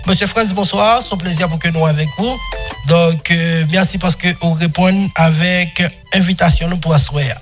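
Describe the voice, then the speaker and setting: Male host, somewhat high voice, welcoming tone, light music behind. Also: normal speed. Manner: warm welcoming, mixes in Creole words. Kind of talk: casual radio interview. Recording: faint music in the background.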